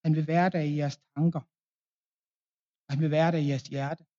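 Danish guy giving a sermon, warm low tone, lots of ums, kinda dull lo-fi sound. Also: flat delivery. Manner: plain storytelling with many fillers and restarts. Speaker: preacher at a confirmation service.

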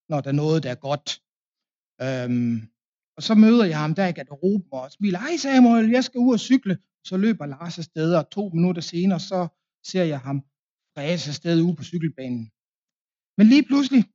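Dark-voiced Danish preacher. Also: male voice, high-pitched, highs cut off. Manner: plain storytelling with many fillers and restarts. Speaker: preacher at a confirmation service. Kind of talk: sermon.

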